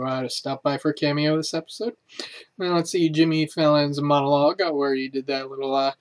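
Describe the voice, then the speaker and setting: A man reviewing a comedy show in a casual, halting way, with many filler words. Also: a little high.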